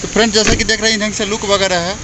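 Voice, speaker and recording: A man with a high, quick voice hosts a walkaround vlog, talking straight to his viewers and repeating himself as he goes. He films on a handheld phone outdoors at a busy car market. Clear street traffic noise runs under everything he says. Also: level tone. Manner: repetitive, chatty, addresses viewers directly. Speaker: vlogger host. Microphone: handheld phone camera.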